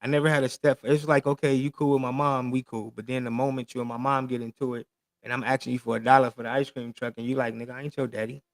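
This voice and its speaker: A man's voice: mid-range voice, level tone, quick pace, no room sound. A man in his late thirties in casual podcast chat, talking in loose, slangy, emphatic stories. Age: 30s. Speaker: podcast host.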